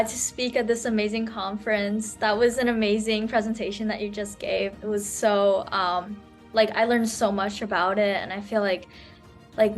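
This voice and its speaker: Chatty young woman presenting on a video call. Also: on the high side. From New York City, USA. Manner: chatty, full of "um" and "like" fillers. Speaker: student speaker presenting her nonprofit. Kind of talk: online conference presentation.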